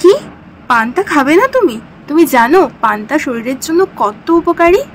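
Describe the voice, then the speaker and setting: A woman's voice: high voice, animated, normal speed, a little hiss or hum. A woman voicing an insistent village wife in a doll-story cartoon, fussing over her husband's food. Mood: coaxing. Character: village wife obsessed with stale rice.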